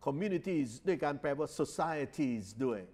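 A man lectures, explaining slowly, repeating phrases and drawing out each English word. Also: on the high side, lively intonation, a little mellow. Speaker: English exam tutor. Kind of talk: recorded lecture.

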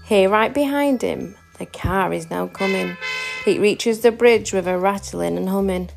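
A woman reading a rhyming picture book aloud with a steady, rhythmic delivery. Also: medium pitch, measured pace, vocal fry. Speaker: storybook reader. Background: soft music.

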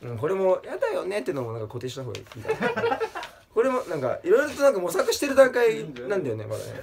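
A man casually presenting joke pictures, laughing at his own gags and jumping into a strained high voice for punchlines. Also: fast, vocal fry, a crowd in the background. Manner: laughs at his own jokes, lively pitch swings. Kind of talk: casual comedic talk with laughter.

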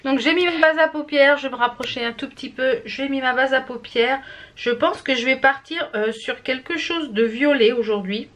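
A woman's voice: sits high, moderate pace, fairly bright tone. A woman from France chatting casually through a makeup product review, with many fillers and restarts. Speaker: beauty vlogger.

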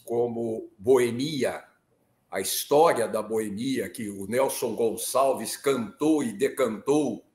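A Brazilian man with a middle-pitched voice chats as a talk-show guest, easygoing and quick to agree or crack a joke. The studio around him sounds noticeably echoey. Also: darkish tone. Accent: Brazilian Portuguese. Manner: chatty, agreeable, jokes and laughs. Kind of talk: casual talk-show chat.

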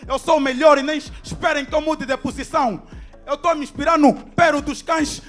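A man's voice: very high-pitched, fairly even intonation, fairly quick, fairly bright tone, faint music behind. A man with an Angolan Portuguese accent delivering boastful, half-sung battle rap verses on a club stage. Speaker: battle rapper. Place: indoor club stage with a crowd.

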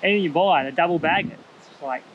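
A man's voice: a little high, fast talker, lo-fi sound. A man in his thirties with an Australian accent, chatting casually on a beach for a travel vlog. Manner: laid-back, chatty. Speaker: travel vlogger. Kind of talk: casual chat. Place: outdoors on a tropical beach. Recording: wind and outdoor noise.

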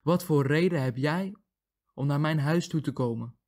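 A man voicing a small, brave male wren father in a read-aloud fable, raising his voice gently as a storyteller would. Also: on the high side, moderate pace, close to an everyday voice. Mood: scolding.

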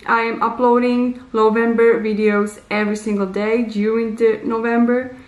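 Speaking in a slightly high, level tone, a woman in her thirties hosts a casual how-to vlog, addressing the camera with deliberate, simple advice in slightly non-native English. The small bare room gives her voice an echo.

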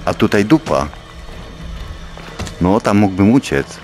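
A man's voice: lowish voice, big pitch swings, takes it slowly, a little mellow, soft background music. A man playing a horror game and talking through it, swearing often, muttering to himself and shrieking in fright. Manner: jumpy, swears a lot, shrieks when scared, mutters to himself. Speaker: gaming YouTuber. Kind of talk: horror game let's play commentary.

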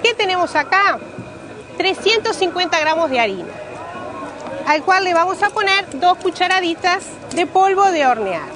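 A woman's voice: very high-pitched, very animated, normal speed. A woman in her forties with a Rioplatense Spanish accent, giving a live cooking demonstration step by step at an outdoor fair stand, repeating key words as she goes. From Uruguay. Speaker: pastry cook. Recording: music playing behind, outdoors.

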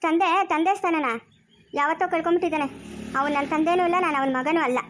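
A woman's voice: very high-pitched, fairly even intonation, quick pace, noisy background. A woman voicing an angry grown son who speaks harshly and defiantly. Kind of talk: amateur family drama acting.

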